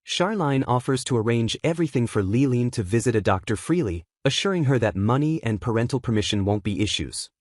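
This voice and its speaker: A man giving scripted recap narration in a steady, even storytelling delivery. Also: mid-range voice, brisk, hardly any pauses, no room sound, clean studio sound.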